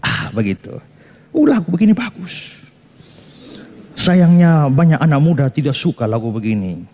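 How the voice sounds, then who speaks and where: A man preaches with a high voice that swoops up and down. He keeps asking his listeners questions and answers them himself, and he sings bits of hymns to make his points. Long reverb hangs after each phrase. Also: moderate pace. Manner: animated preaching, singing short hymn phrases to make points. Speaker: pastor. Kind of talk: sermon.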